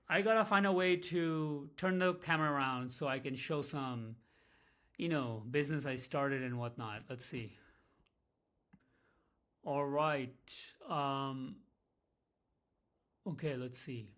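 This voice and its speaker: Man, casual vlog monologue, rambling and profane, fairly high voice, small business owner talk. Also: unhurried, pauses often, pushed and bright. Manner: rambling, candid, profane, self-deprecating.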